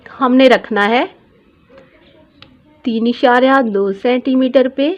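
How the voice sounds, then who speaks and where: A woman's voice: on the high side, muffled recording. A woman, a dress designer teaching pattern drafting step by step, patiently repeating every measurement. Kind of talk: step-by-step sewing tutorial.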